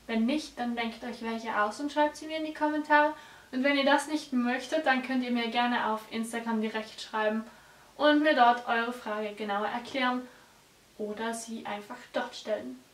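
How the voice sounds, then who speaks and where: Her voice sits on the high side and moves at normal speed as this South Tyrolean teen talks casually to her audience. A native German speaker with the regional accent, she's a vlogger and exchange student from Italy, heard through a distant mic with echo and music behind her.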